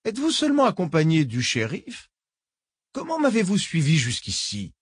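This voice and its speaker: A man's voice: on the high side, wildly swooping pitch, moderate pace, husky, no room sound, pitched above the performer's own voice, heavily acted. A man doing a falsely sweet sinister old lady. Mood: anxious. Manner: honeyed, menacing, repeats "ma chère".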